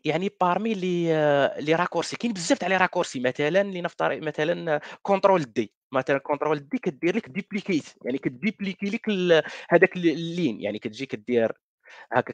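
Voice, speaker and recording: A workshop presenter with a Moroccan Darija accent and a fairly high voice leads a live coding walkthrough, the recording dry with no room sound and the highs cut off. He walks viewers through the demo, often mixing in French words, restarting sentences and using many fillers.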